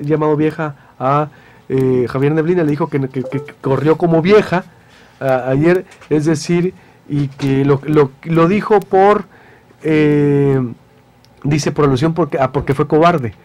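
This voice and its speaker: Brisk male radio host, slightly high. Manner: brisk, animated, reads comments aloud. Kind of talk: live radio talk, reading listener comments.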